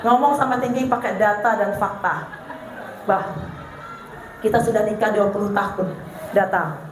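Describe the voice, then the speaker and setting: A middle-aged woman with a Banjar accent giving a lively, humorous parenting seminar to an audience, animatedly acting out funny anecdotes about her husband. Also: mid-range voice, moderate pace. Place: large hall with an audience. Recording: very echoey hall, faint noise.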